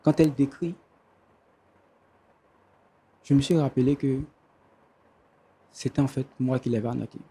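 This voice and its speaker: A man telling a confession as a guest on a talk show, slow and halting. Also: medium pitch, mellow, husky. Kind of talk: confessional storytelling.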